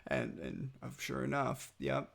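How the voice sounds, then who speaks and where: A young man talks in a gravelly voice of medium pitch, rambling through an affectionate message to his young son. His talk is full of fillers and restarts, and he is a few days out from nose surgery. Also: sing-song, unhurried, a bit bright. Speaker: father recording a birthday message. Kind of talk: casual personal message.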